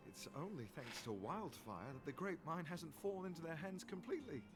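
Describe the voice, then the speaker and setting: A man's voice: on the high side, sing-song, brisk, noisy background. A man voicing a meek, weary young miner in a video game, speaking hesitantly. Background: game music.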